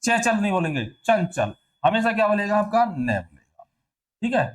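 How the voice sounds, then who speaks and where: Teacher quizzing then answering himself. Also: male voice, high-pitched, lively intonation, fairly quick. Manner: asks questions then answers them himself; repeats sounds and words to demonstrate pronunciation. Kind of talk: exam answer walkthrough lesson.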